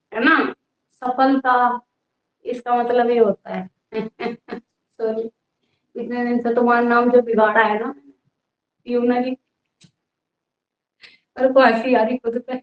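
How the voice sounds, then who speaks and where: A young woman teaching a casual live online class, chatty and teasing with her students, with a cold and a cough. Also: high-pitched. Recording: roomy, dull lo-fi sound.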